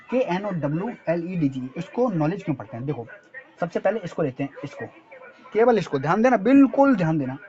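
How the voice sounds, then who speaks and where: A male teacher with a Hindi accent gives a spoken-English lesson at a board, spelling words letter by letter and posing quiz questions he then answers himself. His voice is fairly high and a little mellow, with the highs cut off.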